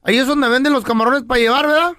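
A man's voice: extremely high pitch, steady tone, fast, sharp tone, clean tone, no echo, studio quality. A man, a comedy co-host joking and heckling in casual chat.

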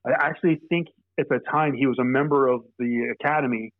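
A young man, a podcast guest, telling stories in a halting, rambling way with many restarts. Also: mid-range voice, steady tone, no echo, phone-quality sound. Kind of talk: casual storytelling.

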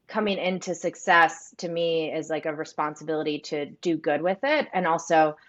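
The sound is lo-fi, carrying a woman's lowish, fairly bright voice. She's an American company co-founder whose native language is Spanish, and her interview answers come across as sincere and reflective, full of "um" and "like."

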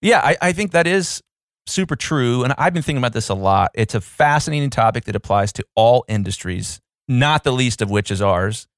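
A man's voice: mid-range voice, lively intonation, fairly quick, no echo, studio quality. A man co-hosting a casual podcast, playful and fond of putting on silly voices. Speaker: podcast co-host.

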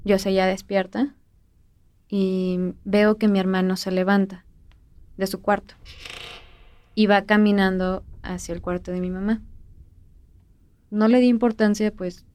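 A woman with a Mexican accent recounting a personal ghost story, speaking softly and often trailing off into a quiet voice. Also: medium pitch. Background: music.

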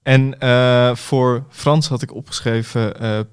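A man on a podcast panel speaking in an ordinary mid-pitched voice. He lays out his choices calmly, one at a time, in a relaxed conversational tone. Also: slow pace, clean tone. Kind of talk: casual chat.

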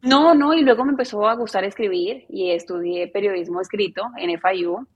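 A woman in her thirties from Colombia, with a softened Colombian accent blended with neutral Spanish, chatting easily as a journalist guest in an interview. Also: mid-range voice, fairly quick, lo-fi sound, a crowd in the background. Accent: softened Colombian, mixed with neutral Spanish. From Medellín, Colombia. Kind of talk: casual interview chat.

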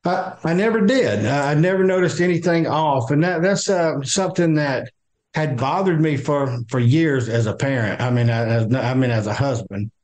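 An older man from the American South, telling a personal story in an interview, halting with many fillers and restarts. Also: medium pitch, a little mellow. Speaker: guest.

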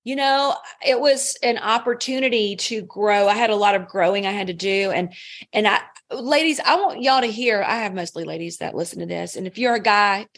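A woman's voice: mid-range voice, brisk, a bit bright. A woman hosting her podcast, responding and sharing her own story in casual faith-based conversation with playful asides. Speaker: podcast host.

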